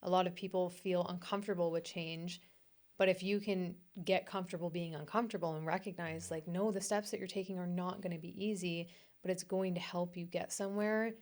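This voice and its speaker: A woman in a casual conversation, speaking calmly about change and growth and adding short affirmations. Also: on the low side, fairly quick. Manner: calm motivational talk with short affirmations.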